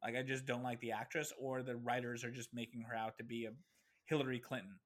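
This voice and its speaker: A man's voice: medium pitch, flat delivery, fast, fairly bright tone. A man co-hosting a casual podcast, talking animatedly and swearing freely while he acts out characters' lines. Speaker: podcast co-host. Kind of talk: casual chat.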